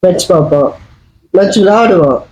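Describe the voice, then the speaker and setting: A speaker who shares opinions in casual chat, halting and repeating words. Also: mid-range voice, expressive, darkish tone, slight background noise, rough recording. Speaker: podcast co-host.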